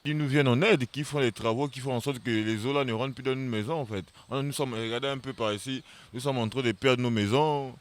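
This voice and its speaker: A man, a local resident in a street interview, speaking in a weary, halting way. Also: mid-range voice, steady tone. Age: 30s. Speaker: flood-affected resident.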